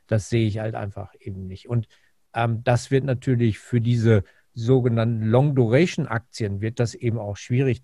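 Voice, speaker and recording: A man co-hosting a podcast, giving conversational market commentary haltingly and repeating words as he thinks. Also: on the low side, warm tone, no room sound. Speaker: finance podcast co-host.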